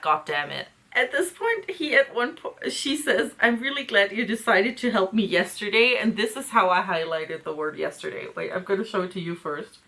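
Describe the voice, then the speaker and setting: A woman's voice: lowish voice, pushed and bright. A woman hosting a casual book breakdown, giving sarcastic, exasperated commentary. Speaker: host.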